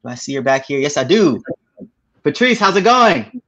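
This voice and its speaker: A man's voice: on the high side, sing-song, normal speed, a bit bright, muffled recording. A man hosting an online event in an upbeat, casual chatty style, often repeating short phrases. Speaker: event host. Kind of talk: casual, informal hosting chat.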